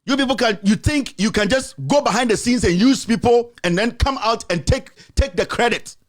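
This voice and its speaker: A man's voice: very high-pitched, moderate pace. A Ghanaian man hosting a show, delivering a heated, accusatory commentary full of repeated rhetorical questions. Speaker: host.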